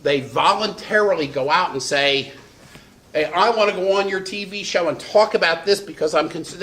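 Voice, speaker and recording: Animated male law lecturer. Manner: animated, acts out examples with dramatic pitch jumps. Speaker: bar exam lecturer.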